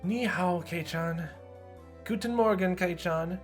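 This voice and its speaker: A man's voice: high-pitched, slow pace, soft background music, pitched above the performer's own voice. A man voicing a boisterous teenage girl who leads a game club and bosses her friends around. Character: bossy, loud teenage girl club leader.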